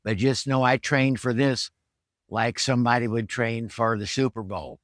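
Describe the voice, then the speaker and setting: A man's voice: mid-range voice, fairly even intonation, moderate pace, no echo, clean studio sound. A man in his seventies giving a plain-spoken, explanatory vlog talk at home, in an informal instructional style. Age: 70s. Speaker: fitness trainer and rehab vlogger.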